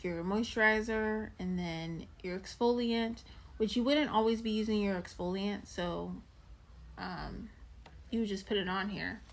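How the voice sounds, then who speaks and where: A woman's voice: mid-range voice, unhurried. A young woman hosting a casual livestream, explaining a skincare tracker with lots of ums and likes and greeting viewers by name. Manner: frequent ums and likes, loose rambling flow. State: chewing candy. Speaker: livestream host and waxing specialist.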